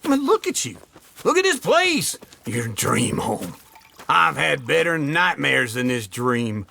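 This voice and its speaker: A man's voice: mid-range voice, very animated, unhurried, vocal fry, bright, forceful tone, slight background noise, heavily acted. An actor playing a crude old male drifter who mocks and needles in a video game. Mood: mocking.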